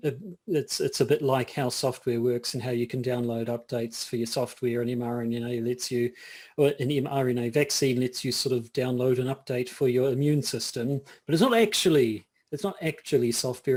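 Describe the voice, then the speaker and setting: A middle-aged New Zealand man co-hosts a podcast, chatting casually in a mid-range, darkish voice. He is hesitant, often restarting sentences, making false starts and repeating words.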